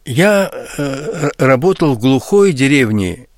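A man's voice: mid-range voice, big pitch swings, a little slow, no echo, studio quality. An older writer, a guest on a radio interview, recalling his past with many fillers and restarts.

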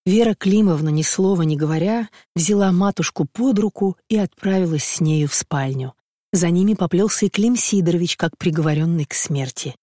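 A woman narrating a classic novel in a steady, measured storytelling manner. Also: on the low side, dry recording, clean studio sound. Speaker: audiobook reader. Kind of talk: scripted narration of classic prose.

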